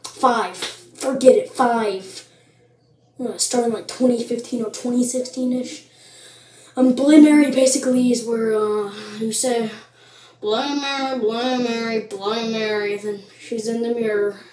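A woman's voice: on the high side, steady tone, a little slow, dark tone. A young woman vlogging casually, chatty and full of fillers, with mock-scared asides. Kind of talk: casual vlog chat. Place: bathroom at home. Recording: echoey room.

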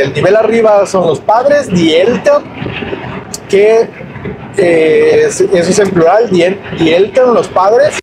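A Mexican man with a fairly high voice teaches at an unhurried pace, repeating each word patiently. He talks from inside a moving car, and steady road and engine noise runs under his voice. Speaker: language teacher. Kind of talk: casual spoken lesson while driving.

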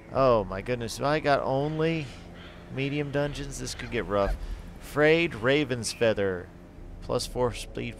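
A man giving casual gameplay commentary, reading item text aloud and thinking out loud as he sorts his party. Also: medium pitch, vocal fry, slight background noise. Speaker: gaming channel host.

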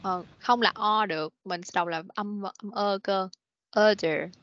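Speaking at a medium pitch with a steady, somewhat bright tone, a woman runs an online English class for kids. Patient throughout, she fixes their pronunciation, says words again slowly, and frequently drops in "rồi, ok," all captured in a dull, dry, lo-fi video call recording.

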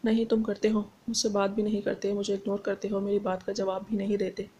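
A woman's voice: medium pitch, monotone, fast, mellow, a little hiss or hum, close to an everyday voice. A woman reading the lines of an emotional young woman who pleads and scolds through tears, in an audiobook. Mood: sobbing.

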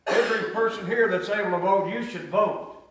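A middle-aged pastor preaches a sermon in a small church sanctuary, drawing call-and-response answers from the congregation. His voice is high-pitched and fairly bright, at a moderate pace, and the echoey church audio is captured from far off.

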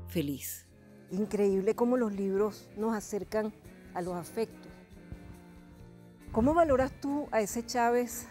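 A middle-aged woman with a Venezuelan accent presenting a book programme in an earnest, measured way. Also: mid-range voice, warm tone. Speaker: TV host. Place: TV studio. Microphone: lapel mic. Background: music.

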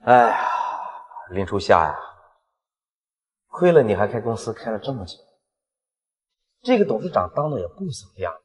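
An actor playing a smug, scheming corporate villain in a short drama, gloating with drawn-out mocking menace. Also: male voice, lowish voice, sing-song. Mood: menacing, mocking. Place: large indoor concrete space, garage-like. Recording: long hall-like reverb.

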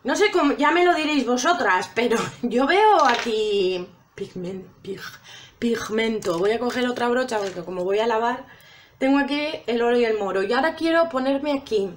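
A makeup vlogger chats casually and directly to her viewers while trying out makeup. Her voice is on the high side with lively intonation at a normal speed, and there's slight background noise.

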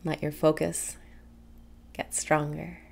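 A young woman leading a guided meditation in a soft, soothing, breathy way, leaving pauses between phrases. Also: deep voice, level tone, a little hiss or hum. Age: young adult. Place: small room indoors.

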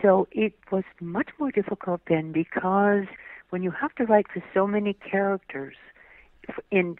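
Over a tinny, thin phone line, an older actress appearing as an interview guest shares recollections in a fairly low voice. She stretches her words graciously and keeps affirming with yes. The recording is dry, with no sense of a room.

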